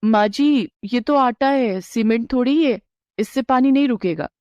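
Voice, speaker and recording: A woman's voice: a little high, measured pace, a little mellow, no room sound, clean studio sound, pitched above the performer's own voice, lightly acted. Woman doing a wide-eyed young daughter-in-law. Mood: curious. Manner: wide-eyed, eager, questioning.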